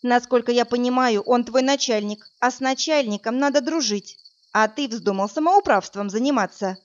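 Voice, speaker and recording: A woman's voice: on the high side, moderate pace, dull audio, natural voice. A woman voicing a frightened but defiant young captive woman in a read-aloud crime story. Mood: tense. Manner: pleading then sharp, tense.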